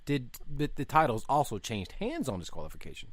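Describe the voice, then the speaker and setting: A man co-hosting a casual podcast, bantering and throwing in quick reactions. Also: mid-range voice, wildly swooping pitch, no room sound. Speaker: podcast co-host. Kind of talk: casual chat.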